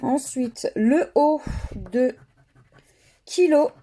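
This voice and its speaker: A woman giving slow, methodical running commentary as she scratches lottery tickets, spelling out letters one by one. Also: high voice, expressive, dark tone.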